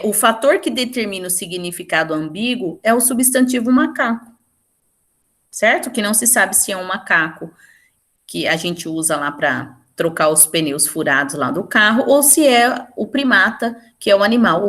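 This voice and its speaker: A woman teaching a Portuguese grammar lesson for exam preparation, explaining step by step and slowing down to stress example words. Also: mid-range voice, a bit bright. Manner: explains step by step, often checking in with "certo?".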